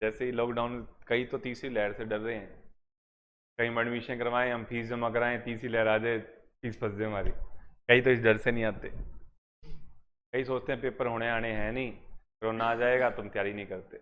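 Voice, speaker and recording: A man's voice: mid-range voice, level tone, moderate pace, highs cut off. A man teaching a class in a coaching center, asking and answering his own questions as he explains. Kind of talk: classroom lecture. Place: classroom with students.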